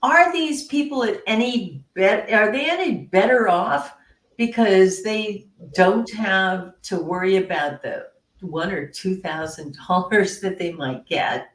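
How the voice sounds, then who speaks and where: A woman hosting a podcast interview, chatty and animated, with playful asides. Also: medium pitch, takes it slowly. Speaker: podcast host. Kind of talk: casual interview talk. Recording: roomy echo.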